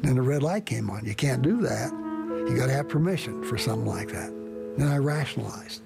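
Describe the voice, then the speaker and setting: An older man recounting his own wartime experience as a pilot, earnest and halting, with frequent restarts. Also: mid-range voice, lively intonation, gravelly, over loud music. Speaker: veteran pilot telling a story. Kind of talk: storytelling, archival recording.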